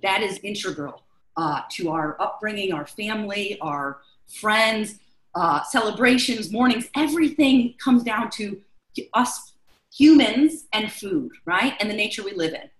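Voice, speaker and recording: A woman's voice: medium pitch, animated, unhurried, roomy sound, poor audio. A woman chef instructor from Chicago leading a live online class, chatty and loose with many fillers.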